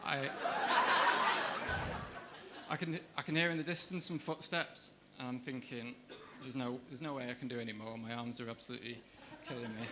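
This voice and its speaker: A man doing stand-up comedy on a comedy club stage, with a deadpan, hesitant delivery. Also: medium pitch, normal speed, very noisy.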